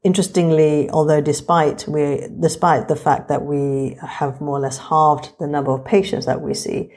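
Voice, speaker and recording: A woman with a low-pitched voice narrates as a surgeon on a vlog. Her delivery is measured and orderly, with a fairly formal, explanatory style. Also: fairly even intonation, a little mellow. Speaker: breast surgeon and vlogger.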